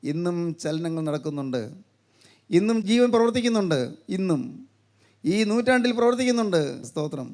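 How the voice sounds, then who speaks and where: Older man, Malayali accent, preacher, high voice, emotive storytelling sermon, repeated refrains. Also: animated, brisk, pauses often, darkish tone. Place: seated indoors.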